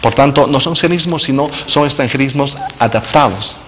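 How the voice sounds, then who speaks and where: A man's voice: medium pitch, moderate pace, a bit bright. A man, a linguist guest on a TV studio interview, explaining words in a didactic and playful way. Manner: didactic, playful with wordplay, chuckles often. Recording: long hall reverb, faint noise.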